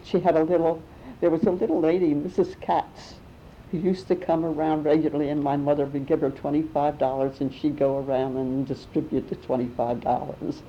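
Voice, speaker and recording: A woman's voice: little pitch movement, fairly quick. An older woman telling memories in an oral history interview, rambling along with restarts and small laughs. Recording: muffled with faint rumble.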